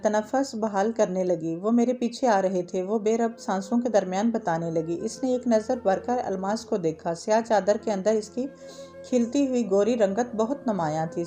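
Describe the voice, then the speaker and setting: A woman reading a novel aloud in a steady, slightly halting way, with small slips and restarts. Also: mid-range voice. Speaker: story reader.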